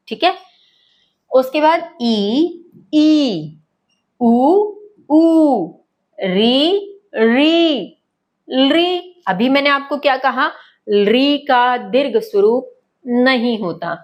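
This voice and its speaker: Patient woman teacher, slightly high voice. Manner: patient, repeats and checks understanding. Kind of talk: online lesson.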